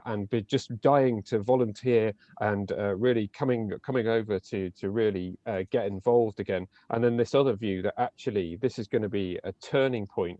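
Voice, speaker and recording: A man moderating a panel discussion over a video call, speaking in a measured, hesitant way with fillers. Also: lowish voice, a little mellow, dry recording, lo-fi sound.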